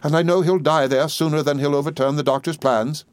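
Man voicing a fussy old widow, high and gushing, heavy emphasis, dry sound. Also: steady tone, brisk, dry recording, natural voice. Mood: insistent. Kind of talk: audiobook character reading.

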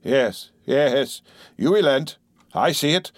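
A man's voice: medium pitch, animated, slow pace, no room sound, studio quality, voice pushed up. A man voicing a desperate middle-aged whaling captain who begs urgently for help. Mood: beseeching. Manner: pleading, urgent, insistent.

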